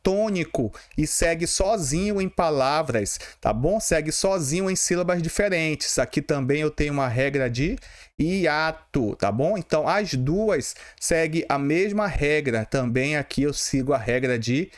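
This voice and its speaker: With a fairly high pitch and lively intonation, this Brazilian-accented Portuguese teacher works through exam questions at a measured pace. He addresses students directly, poses and answers his own questions, and breaks words down syllable by syllable.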